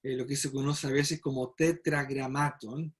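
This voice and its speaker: A man's voice: medium pitch, fairly even intonation, moderate pace. A man teaching a Bible study lecture, explaining step by step and often checking in with his listeners. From Chile. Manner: explanatory, frequent "¿verdad?" tag questions and fillers.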